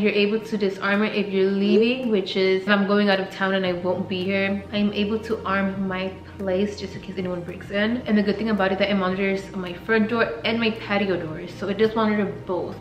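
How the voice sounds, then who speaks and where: A woman's voice: medium pitch, muffled recording. A woman vlogging at home in a casual, chatty way, talking straight to her viewers. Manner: chatty, addresses viewers as "you guys". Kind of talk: casual vlog chat with sponsor read. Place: home room. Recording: echoey room.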